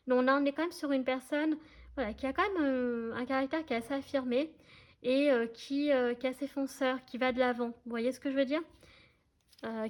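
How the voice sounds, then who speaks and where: A woman giving a casual tarot reading to her viewers, chatty and hesitant, often checking that they follow her. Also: sits high. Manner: chatty, hesitant, many fillers, addresses viewers directly. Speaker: tarot card reader.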